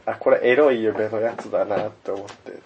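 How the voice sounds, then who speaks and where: A man co-hosting a podcast in casual chat, teasing and answering with short, quick reactions. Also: fairly low pitch, fairly even intonation, dull audio, slight background noise. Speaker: podcast co-host.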